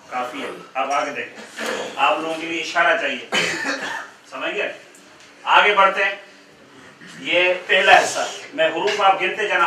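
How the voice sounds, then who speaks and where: A man leads a pronunciation class, stretching out each sound and repeating it patiently. He speaks very slowly in a bright tone. The recording rings with heavy echo. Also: sits high, slight background noise. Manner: slow, drawn-out demonstration of letter sounds. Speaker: Quran recitation teacher. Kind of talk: classroom tajweed lesson. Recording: echoey room, mic far off.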